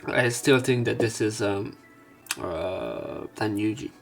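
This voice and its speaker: Reading a visual novel aloud as a let's play host, a man speaks slowly in a lowish, gravelly, expressive voice. He tosses in his own commentary and now and then trips over words, with soft game music faintly in the background.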